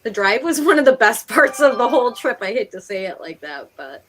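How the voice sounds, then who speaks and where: Speaking a little fast in a sing-song voice that's a little high and a bit bright, a woman with a Northeastern American accent chats casually on her live stream. She's from Pennsylvania and New York, United States, and comes across as giggly and talkative.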